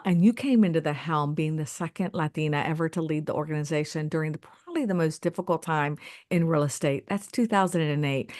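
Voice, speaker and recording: A woman's voice: deep voice, dry recording, studio quality. A middle-aged woman hosting an interview, asking guests effusive personal questions. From Mississippi, United States. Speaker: host. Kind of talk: interview conversation.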